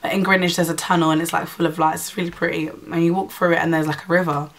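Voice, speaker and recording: Young woman, casual storytime chat, lots of "like", slightly low voice. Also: quick pace. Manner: chatty, animated retelling with filler "like" and "blah blah". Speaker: vlogger.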